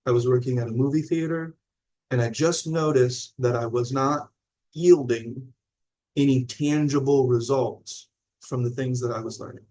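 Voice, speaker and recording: A man in his forties from Illinois teaches mindfulness in a live-streamed talk, reading viewer comments and often checking in with listeners. His medium-pitched voice is mellow and steady at a moderate pace, and his talk rambles conversationally.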